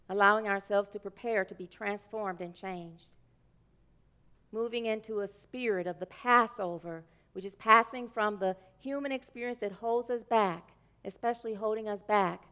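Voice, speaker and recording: A woman minister leading a congregation in prayer and guided meditation, speaking slowly and soothingly. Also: medium pitch, clean tone. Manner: slow, soothing, gentle. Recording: music playing behind the voice.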